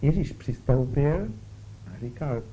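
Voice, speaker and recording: A man's voice: mid-range voice, animated. A man preaching a spiritual talk, who keeps checking in with his listeners through short questions. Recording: dull lo-fi recording with faint hiss.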